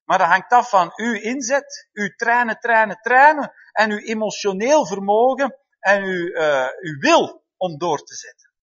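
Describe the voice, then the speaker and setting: A man preaching a sermon to his congregation, punctuating his points with "amen" and quick checks like "hè?". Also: high voice. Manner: lively, calls out "amen" and "hè?" to the congregation. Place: church hall before a congregation. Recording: dull, slightly lo-fi sound.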